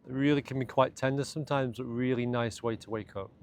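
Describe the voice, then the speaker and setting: Speaking at a medium pitch, a man leads a morning meditation with self-massage. His short phrases come gently and without hurry, and the recording carries clear, steady ambient background noise.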